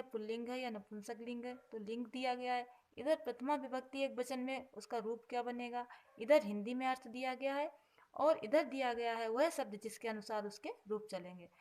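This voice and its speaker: A Sanskrit teacher, a woman, gives a vocabulary lesson at normal speed and explains things patiently. She says each word again before giving its meaning, hitting the headword louder and then dropping low for the grammar note.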